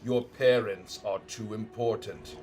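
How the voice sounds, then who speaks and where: A man voicing a coldly menacing psychic being in a tabletop game, intoning slowly and trance-like, like a seance medium. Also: fairly low pitch, steady tone, darkish tone, pitched below the performer's own voice, natural voice. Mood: solemn menace. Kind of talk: tabletop role-play. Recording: music behind the voice.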